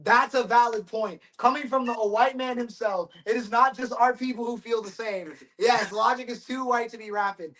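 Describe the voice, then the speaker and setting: Very high-voiced joking young man. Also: fairly even intonation, moderate pace, few pauses, sharp tone. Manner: joking, profane, laughs often. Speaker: band member, guest. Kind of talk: casual chat.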